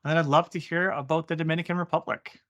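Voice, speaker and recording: A man's voice: on the high side, fairly even intonation, quick pace, a bit bright. An enthusiastic man hosting a podcast, welcoming and introducing his guest in an upbeat way. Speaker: podcast host.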